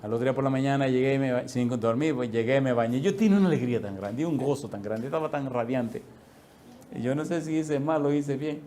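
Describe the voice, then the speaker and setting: A middle-aged man preaches as a pastor and tells a personal story. He acts out the dialogue and laughs often, and his delivery is animated. Faint noise sits under his voice. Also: mid-range voice, fast talker.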